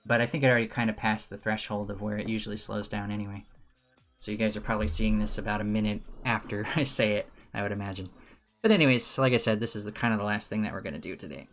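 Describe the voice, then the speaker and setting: A man's voice: on the low side, flat delivery, fast talker, fairly bright tone, faint music behind. A man who teaches, chatting casually while streaming game development, rambling, with dry sarcastic asides. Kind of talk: casual livestream chat.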